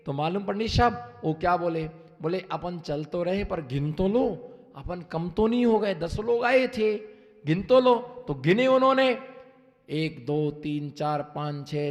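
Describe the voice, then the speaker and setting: High-pitched, slow man preaching in a reverberant hall. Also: a little mellow. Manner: sing-song call-and-response, acts out voices in stories. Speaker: Jain monk preacher. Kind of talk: sermon with folk rhymes and parables.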